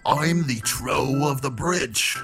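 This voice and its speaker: A man voicing a big, greedy bridge troll in a tabletop game, with a booming, dopey cartoon bellow. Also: slow, over music, lightly acted. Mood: gruff, demanding. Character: big hairy clawed troll under a bridge, greedy for pies. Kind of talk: tabletop game role-play.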